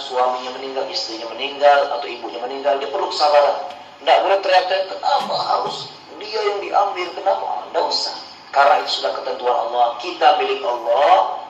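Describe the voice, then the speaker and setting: A man's voice: echoey room, distant mic, a little hiss or hum, poor audio. A man preaching a pre-dawn sermon in a mosque. He asks the listeners questions and then answers them himself. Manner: acts out tempted or grieving people in a low murmur.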